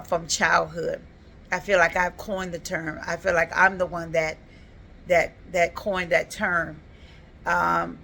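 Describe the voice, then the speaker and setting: Fifties woman vlogging, earnest and reflective, low-ish voice with a forceful edge. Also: a little hiss or hum. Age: 50s. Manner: earnest, reflective, with frequent fillers. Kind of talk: casual personal vlog.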